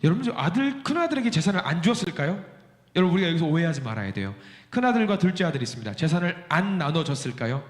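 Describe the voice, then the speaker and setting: A male pastor preaching a sermon in a church, acting out the voices in his text, swinging between loud outbursts and soft, almost whispered lines. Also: on the high side, big pitch swings, rapid-fire. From South Korea. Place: church sanctuary. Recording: echoey church hall.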